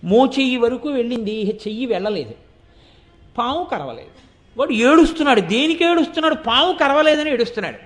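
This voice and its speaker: A man giving an animated devotional storytelling discourse, asking the listeners rhetorical questions. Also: very high voice, fairly quick. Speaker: devotional speaker.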